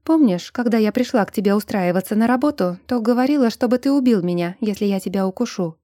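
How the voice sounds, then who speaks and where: A stubborn young woman slowly turning vampire, played by a woman reading aloud, sharp and defiant in an audiobook. Her tone is mellow and dark, recorded close and dry. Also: medium pitch, expressive, no room sound, natural voice. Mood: quiet earnest.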